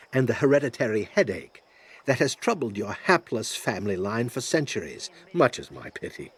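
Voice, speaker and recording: A man's voice: mid-range voice, husky, full character voice. An actor playing an ancient, mocking spirit in a fantasy game, pompous and sarcastic in his condescension. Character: ancient mocking male spirit bound to a bloodline. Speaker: tutorial guide. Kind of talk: theatrical fantasy game voice acting.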